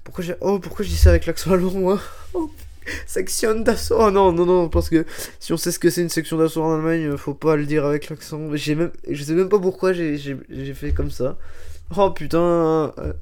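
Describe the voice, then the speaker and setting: A man's voice: on the high side, flat delivery, fairly quick, a little mellow, smooth. A man hosting a show, rambling through a crude comic monologue with frequent laughs before introducing a song. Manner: jokey, laughs a lot, crude asides and silly voices. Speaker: show host introducing music.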